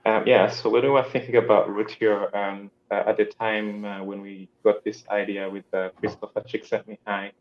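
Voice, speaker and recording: A man's voice: on the low side, flat delivery, normal speed, few pauses. A man from Uganda, explaining his project as a panel guest over a video call, with frequent "um". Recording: dull lo-fi call audio.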